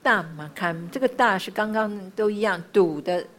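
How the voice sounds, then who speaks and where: Woman, pronunciation teacher; slow syllable-by-syllable drilling, patient repetition, brisk asides. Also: medium pitch, fairly bright tone. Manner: slowly drills syllables one by one, then explains briskly; patient, repeats sounds many times. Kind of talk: pronunciation lesson.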